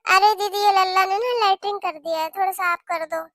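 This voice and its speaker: A woman's voice: very high voice, fairly even intonation, normal speed, fairly bright tone, no room sound, studio quality. A woman voicing a young new mother in a cartoon who is recovering at home and pleads for help in a plaintive way. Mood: pleading. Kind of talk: cartoon voice acting.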